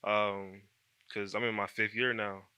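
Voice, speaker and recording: A man in his twenties from Columbus, Ohio, a college football player answering questions in an easygoing, soft-spoken way with many fillers. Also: fairly low pitch, level tone, unhurried, clean tone, no room sound. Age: 20s. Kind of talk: casual interview chat.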